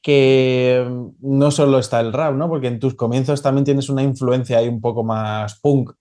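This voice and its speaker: A male co-host with a Spanish accent and a warm, mellow voice. He talks casually and hesitantly, with fillers. His pitch sits in the middle of the range. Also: fairly even intonation, normal speed. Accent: Spain Spanish. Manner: hesitant, many fillers before questions. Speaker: podcast co-host. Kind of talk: casual interview talk.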